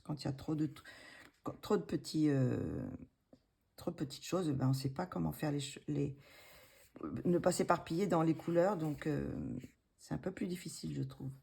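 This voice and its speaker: Low gravelly woman, hesitant. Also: normal speed, warm tone. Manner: hesitant, many fillers and restarts, self-deprecating. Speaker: coloring book vlogger. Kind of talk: casual show-and-tell of her coloring books.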